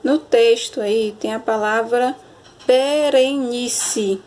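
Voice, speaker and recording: A woman's voice: fairly high pitch, slight background noise. Woman teacher explaining patiently. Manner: explanatory, checks understanding with frequent "certo?"; stretches and stresses example words slowly. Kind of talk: recorded grammar lesson.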